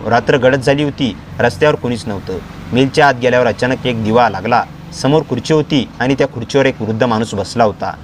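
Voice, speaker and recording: A man narrating a dramatic first-person story in a steady, scripted storytelling voice. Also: mid-range voice, a little hiss or hum.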